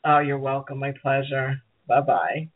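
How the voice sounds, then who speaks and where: A woman's voice: very deep voice, steady tone, unhurried. A middle-aged woman with a Brooklyn accent hosting a call-in show, giving casual spiritual advice in an encouraging, rambling way, often repeating her phrases. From Brooklyn, New York. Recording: narrow phone-like sound.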